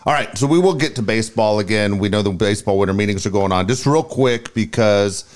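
A man's voice: on the low side, fast. A man co-hosting a casual sports talk show, speaking informally with repeated phrases and some swearing.

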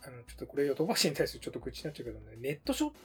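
A man's voice: medium pitch, very animated, rapid-fire, faint music behind. A man co-hosting a podcast in casual chat with a friend. He is chatty and often laughs while he talks. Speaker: podcast co-host. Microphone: remote recording.

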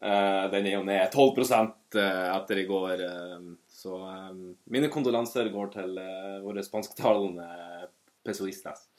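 Man, North Norwegian accent, lowish pitch, casual podcast host, dry humour. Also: fairly even intonation. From Northern Norway. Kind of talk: casual chat.

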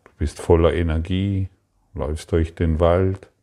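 A man giving a spoken spiritual lesson, calm and repetitive, addressing the listener directly. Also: low voice, measured pace. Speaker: spiritual teacher.

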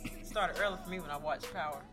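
A woman's voice: low-pitched, fast talker, over loud music. A woman co-hosting a casual podcast chat, playful and teasing, laughing often. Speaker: podcast co-host.

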